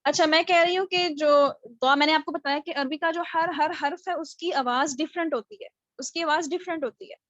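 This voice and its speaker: A woman's voice: high-pitched, few pauses, fairly bright tone, no echo, dull audio. A woman teaching a live online Tajweed class, patiently explaining and modelling Arabic letter sounds aloud, often checking with her students. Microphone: video call.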